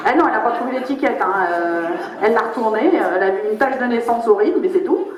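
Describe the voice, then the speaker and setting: Speaking quickly in a natural, higher-pitched voice, a woman takes on the role of a nasty, vulgar granny in a comic monologue, cursing and mocking with glee. Heavy background noise sits under the dull, echoey room acoustics of this stand-up character piece.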